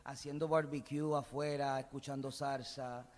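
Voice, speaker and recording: A man, a singer guesting on a radio show, speaking earnestly and haltingly with many fillers. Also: medium pitch, level tone, in a large hall. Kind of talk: casual radio interview.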